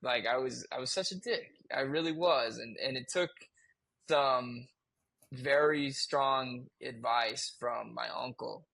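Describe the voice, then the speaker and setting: A man's voice: medium pitch, slow, gravelly, fairly bright tone, no room sound. A man in his twenties, a podcast guest, telling a personal story in casual chat, candid and swearing freely as he restarts his sentences.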